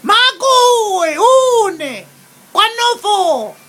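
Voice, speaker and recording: High-pitched Sicilian woman, slow and bright. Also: sing-song, background noise. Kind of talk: chatting with a pet bird.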